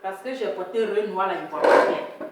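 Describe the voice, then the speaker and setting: A woman chats and teases her live-stream viewers, repeating lines and breaking into laughter. Her voice rings out in a very echoey room, a little off the mic. She talks at a plain middle pitch. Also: normal speed, far from the mic, very noisy. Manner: repetitive, teasing, often laughing, addresses viewers directly.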